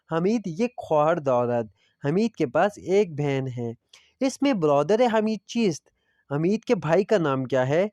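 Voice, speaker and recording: A man with a fairly high voice teaching a language lesson. He reads each sentence and then explains it, pausing with small hesitations. The sound is close and dry, with no room in it. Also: a little mellow, no echo. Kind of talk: language lesson, reading and translating line by line.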